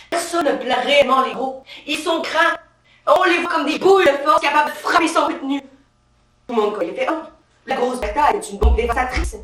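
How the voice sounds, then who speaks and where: A woman's voice: on the high side, fairly bright tone. A woman performing a theatrical, emphatic satirical monologue as a comic journalist character on a live stage. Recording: roomy live stage sound from a distance.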